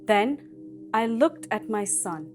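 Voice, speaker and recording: A woman host reading a scary story aloud in a slow, dramatic storytelling manner. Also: fairly high pitch, expressive, faint music behind. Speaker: storytelling cooking channel host.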